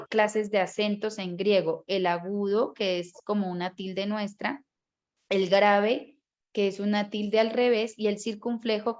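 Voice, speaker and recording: In an online class lecture with lo-fi sound, a woman with a mid-range voice teaches a Bible course. She explains things step by step and checks in with her students often.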